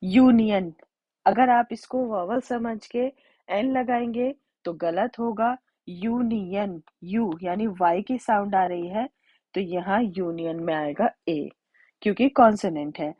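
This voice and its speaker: A woman teacher explaining a grammar lesson, spelling out examples slowly and repeating them. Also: medium pitch, dry recording. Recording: dull lo-fi sound.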